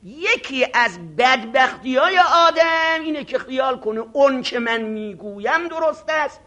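A man preaching a moral sermon to seminary students, acting out arrogant voices and mocking himself. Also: very high voice. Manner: animated, acts out arrogant voices, self-mocking; chants Arabic scripture slowly. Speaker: cleric teaching ethics.

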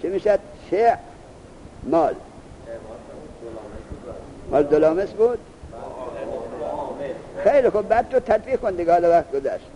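Mellow-voiced male teacher quizzing a class. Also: high-pitched, animated, highs cut off. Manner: quizzes students with quick questions, then recites answers. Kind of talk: classroom lesson.

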